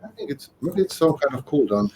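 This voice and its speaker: A man's voice: on the high side, animated, brisk, mellow, a little hiss or hum, poor audio. A man co-commentating a live game tournament with dry, wry remarks. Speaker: esports co-commentator.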